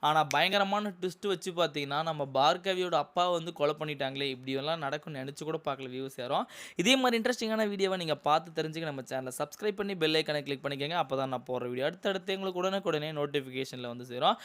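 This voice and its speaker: A young man recapping a TV serial for his viewers in a rapid storytelling manner, repeating the same filler phrase again and again. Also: fairly high pitch, a bit bright, smooth. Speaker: TV serial reviewer. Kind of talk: excited plot recap addressing viewers.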